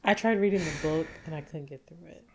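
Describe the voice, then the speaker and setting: On a relaxed gaming podcast, a co-host with a low voice speaks fairly quickly, giving long, chatty explanations packed with filler words. There's slight background noise in the recording.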